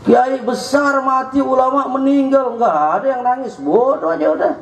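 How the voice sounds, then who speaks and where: A man preaching a sermon with a Jakarta Betawi accent, joking with the crowd and at times shouting. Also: very high voice, moderate pace. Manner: joking, rising to shouts at points. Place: mosque or prayer hall. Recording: echoey hall with faint hum.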